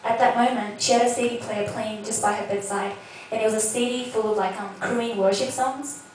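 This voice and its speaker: A woman's voice: fairly high pitch, fairly even intonation, a little fast. A young woman giving a spoken personal testimony in an earnest, heartfelt storytelling manner. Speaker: speaker sharing a personal testimony. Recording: echoey, distant mic with faint noise.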